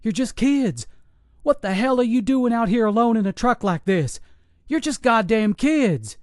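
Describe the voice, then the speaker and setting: A narrator doing a shaken Navy SEAL. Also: male voice, sits high, steady tone, moderate pace, darkish tone, no echo, clean studio sound, voice pushed up, natural voice. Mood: exasperated. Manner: urgent, clipped military radio talk. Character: shaken male Navy SEAL soldier on the run.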